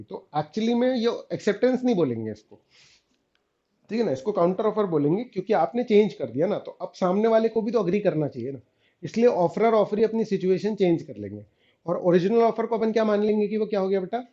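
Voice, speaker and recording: Upbeat lecturing man, high and mellow. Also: highs cut off. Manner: keeps checking students follow, calls them beta and guys. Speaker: teacher. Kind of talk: revision lecture.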